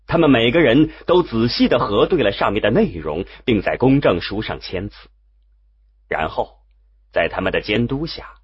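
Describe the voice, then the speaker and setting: A man narrating a novel in an expressive storytelling manner, with a very husky voice. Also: mid-range voice, highs cut off. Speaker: audiobook narrator.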